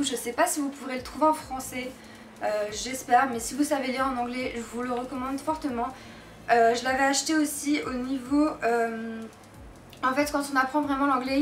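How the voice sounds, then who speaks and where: A young woman with a fairly high voice and a slight lisp, talking casually like a beauty vlogger. She gushes in slangy, informal phrases. The recording is roomy and a little distant from the mic, with faint noise. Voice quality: slight lisp from tongue piercing. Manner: gushing, slangy. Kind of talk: casual chat to viewers.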